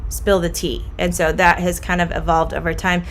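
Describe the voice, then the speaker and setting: Teaching idioms on a live stream, this Midwestern woman in her middle years stays friendly and patient, going slowly and saying phrases more than once. Here her fairly low, fairly bright voice comes across flat, over a little background noise.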